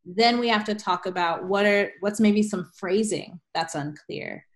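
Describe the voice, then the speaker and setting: A woman's voice: mid-range voice, a little slow. A woman writing teacher talking on a podcast, emphatic and full of rhetorical questions, often tagging "right?". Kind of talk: podcast conversation.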